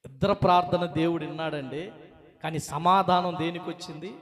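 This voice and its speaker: A male pastor preaching a sermon to a live congregation, animated, asking them questions and rising to near shouts on key points. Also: fairly high pitch, a little fast.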